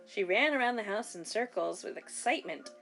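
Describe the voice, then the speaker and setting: Animated woman telling a kids' story. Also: medium pitch, fairly quick, faint music behind. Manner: animated, playful character voices. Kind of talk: children's story narration.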